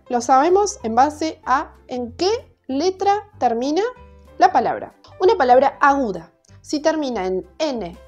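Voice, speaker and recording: Woman, Argentine Spanish accent, explanatory teaching tone, somewhat high voice, faint background music. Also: a little mellow. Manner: patient, explanatory, asks and answers her own questions. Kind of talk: casual spoken lesson.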